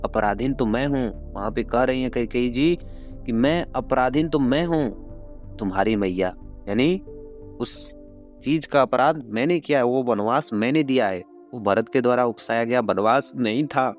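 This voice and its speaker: A man teaching a class, explaining a poem line by line and going over each phrase again in simple words. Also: medium pitch. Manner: explains slowly, repeating phrases with yaani and matlab. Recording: dull lo-fi sound with soft background music.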